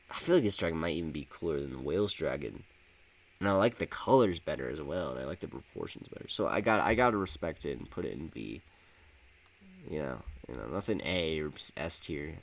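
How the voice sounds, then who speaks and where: A man's voice: rumbling low, a bit bright. A man hosting a video, talking through his opinions in a rambling, offhand way, with frequent fillers and casual swearing. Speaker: video host ranking flags. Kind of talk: casual unscripted commentary.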